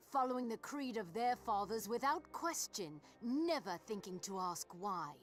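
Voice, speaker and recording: A woman's voice: medium pitch, natural voice. A woman voicing a grave female war leader in a game cutscene, solemn and scornful, dropping into whispers at times.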